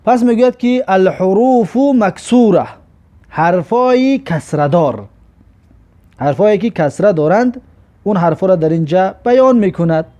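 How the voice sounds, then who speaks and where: A man with a Tajik accent and a fairly high voice, teaching the Arabic alphabet in a recorded lesson. He works patiently through each letter, sounding it out slowly and repeating it again and again. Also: animated, dark tone.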